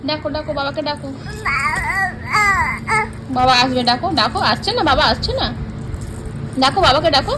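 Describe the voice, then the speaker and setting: A woman's voice: high voice, brisk, long pauses. A woman talking to her baby in a coaxing, repetitive, sing-song way. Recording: loud background noise.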